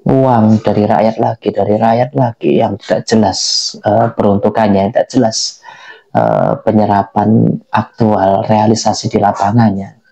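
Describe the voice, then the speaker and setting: A man giving unscripted political commentary in a halting way, repeating phrases for emphasis. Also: fairly low pitch, creaky, dark tone, slightly rough, muffled recording. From Indonesia. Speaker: commentator giving personal opinion.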